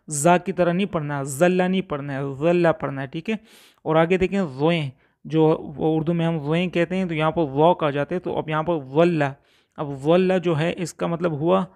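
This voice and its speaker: Male religious teacher, slightly high gravelly voice, patient explanatory recitation lesson that repeats letters slowly. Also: a little mellow. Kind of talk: Urdu Quran recitation lesson.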